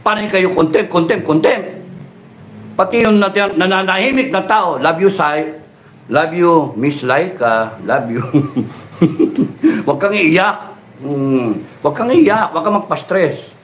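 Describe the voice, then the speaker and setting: Heated man ranting, high-pitched. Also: lively intonation, unhurried, a little hiss or hum. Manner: mocking rhetorical questions, heated and profane. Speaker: political speaker. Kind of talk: impassioned political rant.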